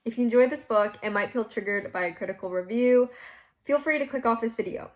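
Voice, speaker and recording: A woman's voice: a little high, brisk. Young woman reviewing books, chatty. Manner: chatty, laughs at her own slips. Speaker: book vlogger. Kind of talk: casual book review vlog. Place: on her bed at home.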